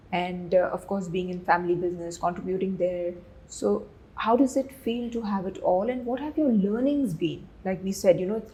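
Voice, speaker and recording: A woman's voice: mid-range voice, mellow, low-quality recording. A woman hosting a podcast interview, affirming her guest and framing long questions. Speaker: podcast host.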